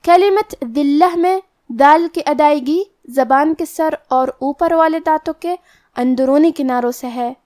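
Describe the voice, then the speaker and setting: A woman teaching a Quran pronunciation lesson, methodically explaining each letter rule step by step and reciting verses very slowly. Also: high voice, a little mellow.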